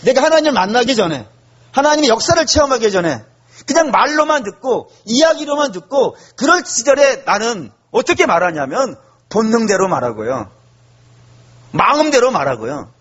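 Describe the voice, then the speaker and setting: A male pastor delivers an animated sermon in church. His voice sits high and slightly husky, and he swings his pitch widely as he throws questions to the congregation. The recording is dull and lo-fi. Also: normal speed.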